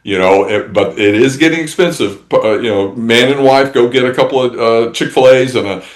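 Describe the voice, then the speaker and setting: A man's voice: medium pitch, brisk, rough recording. A man talking as a tourism industry guest in a casual interview, rambling along with many restarts and fillers.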